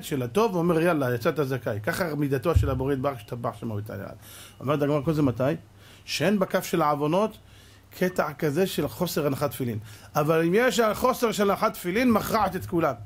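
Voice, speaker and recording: A middle-aged rabbi delivers a fiery sermon in a husky, somewhat high voice. He scolds and argues with rhetorical questions and acts out the voices of the people he quotes. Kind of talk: Torah sermon.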